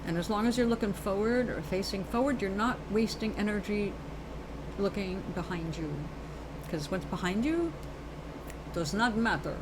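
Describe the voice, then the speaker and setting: A woman with a mid-range, animated voice and a New York accent talks at normal speed over a noisy background. She's from New York and hosts a live show, chatting earnestly and ramblingly with viewers about spirit and calling them baby and darling.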